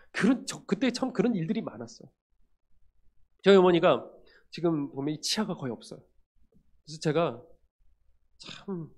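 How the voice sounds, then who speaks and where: A middle-aged man from Korea's region, a pastor, preaching a sermon through personal storytelling that swings between loud and hushed. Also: high voice. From Gyeongsang region, South Korea.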